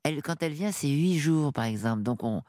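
Lively, halting woman in her 60s on radio. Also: low-pitched, no room sound, clean studio sound. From northern France. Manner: lively, halting, full of restarts. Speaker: interview guest. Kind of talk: radio interview. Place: radio studio.

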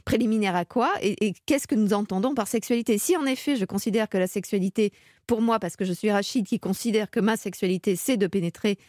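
Woman sex therapist on the radio, blunt and thinking out loud, mid pitch, dry mic. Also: a little fast, no echo. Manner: frank, thoughtful, repeats words while thinking. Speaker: sexologist and psychoanalyst columnist. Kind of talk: expert radio chat.

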